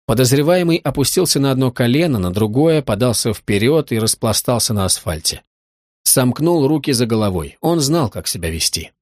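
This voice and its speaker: Steady male audiobook narrator, dry sound. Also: medium pitch, normal speed, no echo. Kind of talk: scripted narration.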